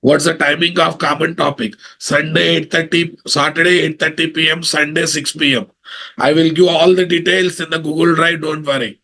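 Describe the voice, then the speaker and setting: A man's voice: fairly high pitch, little pitch movement, normal speed, bright, forceful tone. A man with a Telugu Indian English accent teaching an informal live online class as an instructor, repeating phrases and checking understanding with questions. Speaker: software instructor.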